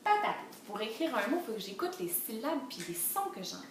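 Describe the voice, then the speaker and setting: A woman reading a picture book aloud to toddlers, with a sing-song storytelling manner and slow, letter-by-letter teaching of syllables. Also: on the high side, sing-song, a little hiss or hum. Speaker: children's librarian reader. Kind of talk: enriched read-aloud for toddlers with phonics teaching. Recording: echoey room, mic at a distance.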